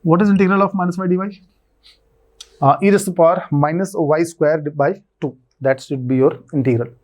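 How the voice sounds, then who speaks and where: Indian man lecturing slowly, step by step. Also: on the high side, fairly even intonation, darkish tone. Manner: explains step by step, checks in with "right?" and "है ना?". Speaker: math lecturer. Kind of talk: classroom lecture mixing Hindi and English.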